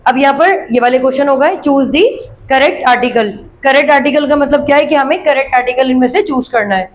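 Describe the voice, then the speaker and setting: High-voiced woman teaching English grammar. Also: slight background noise, low-quality recording. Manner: slow, spelled-out example sentences between quick explanations; asks questions and answers them herself. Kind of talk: explaining a grammar worksheet.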